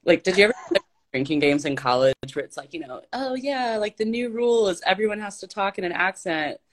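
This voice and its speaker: A woman's voice: mid-range voice, animated, fairly quick. A woman from Arkansas, hosting a podcast in casual chat, self-deprecating and laughing often. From Arkansas, US South.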